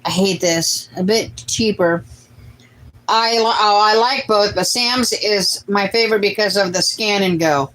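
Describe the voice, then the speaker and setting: A woman's voice: mid-range voice, a little slow, fairly bright tone, poor audio. A woman in her late forties hosting a casual family livestream, chatting and reading viewer comments aloud. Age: late 40s. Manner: chatty, reads out comments and answers them. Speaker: host of a family cooking livestream.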